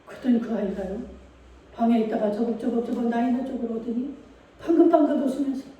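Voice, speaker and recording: A woman's voice: fairly high pitch, fast, mellow, a little hiss or hum. A woman preaching a sermon in a church, speaking emphatically and putting rhetorical questions to the congregation. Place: church sanctuary. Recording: echoey church hall, mic far off.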